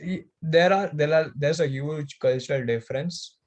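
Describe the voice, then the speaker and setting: A man's voice: fairly high pitch, moderate pace, highs cut off. A young man from India co-hosting a student podcast, talking casually with many likes and you-knows. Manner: animated, lots of "like" and "you know". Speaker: podcast co-host, student club outreach lead.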